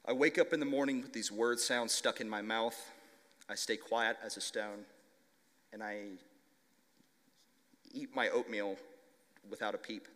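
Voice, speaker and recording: A young man who stutters, slowly reading a children's story aloud to a conference audience. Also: fairly low pitch, fairly even intonation, fairly bright tone. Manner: stutters, slow deliberate reading. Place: conference hall. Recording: long reverb of a large hall.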